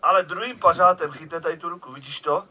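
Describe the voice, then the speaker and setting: A man's voice: on the high side, pushed and bright, breathy edge, lo-fi sound. A man at an outdoor falconry show, teasing and bossing a volunteer from the audience in a playful way. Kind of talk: joking audience participation. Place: outdoor field at a bird show. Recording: crowd noise behind.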